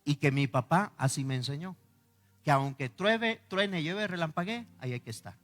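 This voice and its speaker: A man's voice: on the high side, normal speed, soft background music. A middle-aged man with a Guatemalan accent, a pastor preaching a sermon full of personal stories and acted-out dialogue. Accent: Guatemalan Spanish. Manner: animated storyteller acting out dialogue, laughing. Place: church hall. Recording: echoey church hall.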